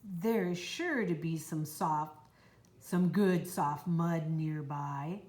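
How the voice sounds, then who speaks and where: A woman voicing a small runaway farm pig who loves mud, in a slightly lower, plain storybook voice. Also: slow pace, darkish tone. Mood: musing. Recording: roomy echo, faint noise.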